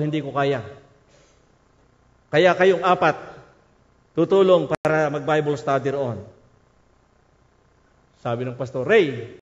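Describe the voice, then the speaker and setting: A male pastor telling a story in a sermon, acting out the people in it with lively voices. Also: fairly high pitch. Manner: animated storyteller, acts out the characters' lines. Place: church hall. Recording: reverberant hall, dull live-stream audio.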